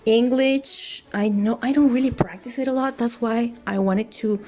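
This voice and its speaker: Slightly high in pitch, with a dark tone and normal pace, this young gaming YouTuber is a native Spanish speaker. Her casual voice-over is full of restarts and fillers, over faint background music.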